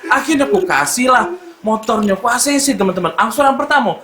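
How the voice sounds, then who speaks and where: A man with a Palembang accent performing a stand-up comedy set, telling his story with big swings between shouts and low asides. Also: expressive, fast talker. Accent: Palembang Malay. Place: stage at a live comedy show. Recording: echoey venue, loud background noise.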